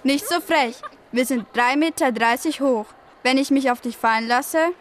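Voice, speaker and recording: A woman's voice: sits high, moderate pace, lightly acted. A woman playing a proud, vain marble victory goddess with a grand, theatrical manner in an educational audio drama. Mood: indignant.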